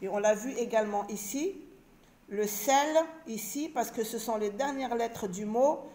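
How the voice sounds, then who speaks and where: A woman teacher leads a children's reading lesson at an unhurried pace, sounding out letters and syllables one by one. Her voice sits fairly high, and she says each word twice with careful, clear articulation. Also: mellow. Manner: slow, clearly spelled-out syllables and repeated words.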